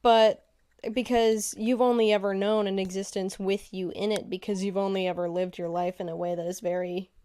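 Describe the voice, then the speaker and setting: A woman co-hosting a podcast in casual chat, musing reflectively with many pauses and filler sounds. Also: mid-range voice, little pitch movement, warm tone, clean tone. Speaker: podcast co-host.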